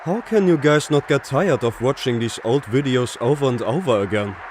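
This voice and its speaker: Wise old professor played by a man, mid-pitched. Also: animated, normal speed, a little mellow, a little hiss or hum, natural voice. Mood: bemused. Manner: explanatory, philosophical. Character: Professor Oak, wise, patient old male scientist. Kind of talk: manga dub dialogue.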